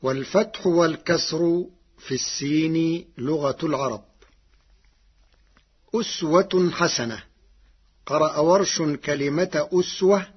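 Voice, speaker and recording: A man presenting a formal scholarly explanation of recitation variants, in a measured and precise manner, on a dull lo-fi recording. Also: fairly high pitch, slightly rough.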